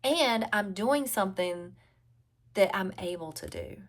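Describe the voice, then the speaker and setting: A health and weight-loss coach in her forties with a Southern US drawl gives viewers casual, conversational advice, repeating key phrases for emphasis. She speaks unhurriedly in a medium-pitched voice with lively intonation.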